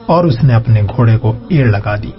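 A man narrating a historical novel in an audiobook with a steady, formal reading. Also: fairly low pitch. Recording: dull lo-fi audio, faint music.

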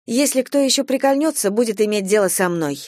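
A woman's voice: fairly high pitch, lively intonation, a little fast, darkish tone, no room sound, clean studio sound, voice pushed up. A woman reading aloud voices a firm, protective young woman who lays down the rules.

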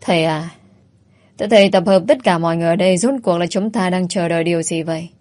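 A woman voicing a hot-headed, impatient eldest son who speaks quickly. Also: lowish voice, darkish tone, no room sound, close to an everyday voice.

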